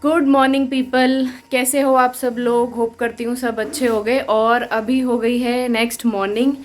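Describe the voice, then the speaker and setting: A woman's voice: a little high, level tone, normal speed, music in the background. A young woman chatting casually in a family vlog, teasing and laughing often as she films around her home. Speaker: vlogger.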